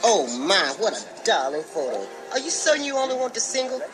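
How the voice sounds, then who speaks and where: A woman's voice: on the high side, very animated, fairly quick, loud music behind the voice. An actress playing a mall photo saleswoman in film dialogue, with gushing sales patter. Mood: gushing, salesy.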